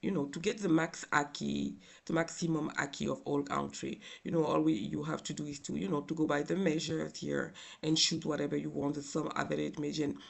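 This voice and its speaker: A man with a tearful, crying voice giving an informal software tutorial in a halting, hesitant way with many filled pauses. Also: a little high, flat delivery, creaky. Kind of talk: informal screen tutorial narration.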